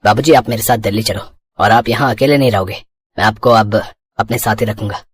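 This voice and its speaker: A woman's voice: rumbling low, brisk, slightly rough, no echo, voice pushed down. A woman voicing a stern, protective young adult son who scolds his wife in a storybook cartoon. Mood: reassuring.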